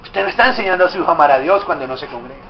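A man's voice: a little high, lively intonation, very fast, dull audio, a little hiss or hum. A male pastor preaching a sermon, exhorting the congregation with direct questions, recorded in a church hall.

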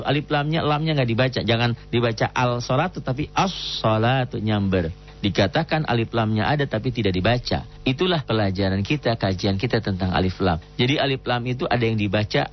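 A man gives a patient lesson on the rules of Quran recitation, now and then drawing out examples in slow, melodic chant. His voice sits at an ordinary middle pitch for a man. The recording is dull and lo-fi, with a faint hum underneath.

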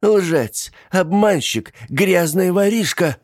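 A man reading an audiobook voices a fussy elderly aunt with a fierce temper, shrill and scolding. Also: normal speed, a little mellow, dry recording, clean studio sound, natural voice. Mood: furious.

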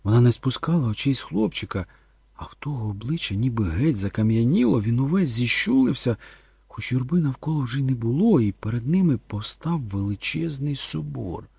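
A man narrates a dramatic audiobook in a gravelly, husky voice, heard close and completely dry. His reading moves up and down a lot, tense and dropping low and slow in the dark passages. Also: lively intonation, no room sound.

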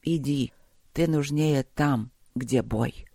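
A man voices a frail old emperor dying in a storybook battle, his voice sinking low and slow into a breathy whisper. He sounds weak, tender, and resigned, in a dry, close recording with no room sound.

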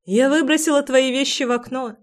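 A woman's voice: mid-range voice, takes it slowly, a little mellow, natural voice. A woman voicing a blunt, feisty young wife in an audiobook, grumbling and teasing in a voice close to her own.

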